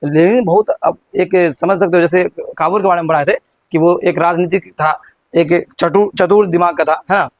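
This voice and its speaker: This is a young male teacher with a Bihari Hindi accent and a high voice, running a history class. He keeps asking questions, answering them himself and restarting mid-word. The sound is dry and close. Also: moderate pace, no room sound. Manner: repeats questions, prompts students, stumbles and restarts.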